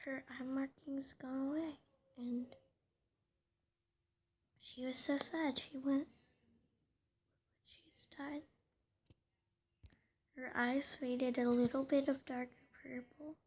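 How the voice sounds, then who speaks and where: A woman telling a home-made story casually, hesitant and soft, often slipping into whispers, with faint noise behind her. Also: high voice, flat delivery, takes it slowly, pauses often, husky, highs cut off.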